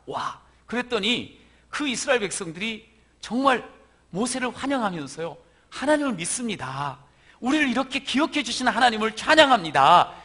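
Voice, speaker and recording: A middle-aged male pastor delivering a sermon with dramatic swings of volume, acting out quoted voices and building to shouts. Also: high-pitched, slightly rough.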